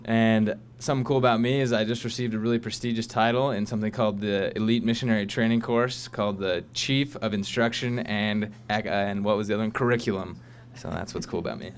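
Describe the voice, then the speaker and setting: A man of twenty-one introducing himself on a panel, proud and a bit halting. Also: fairly low pitch, fairly even intonation, slight background noise. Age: 20s. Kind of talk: casual self-introduction.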